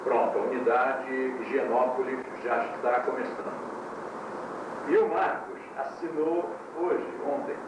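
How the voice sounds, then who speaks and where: A man's voice: mid-range voice, steady tone, far from the mic. Man lecturing on an old VHS tape. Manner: explains with quick bodily demonstrations and light humor. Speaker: yoga teacher. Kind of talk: classroom lecture. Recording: old VHS tape, echoey room from afar, hiss.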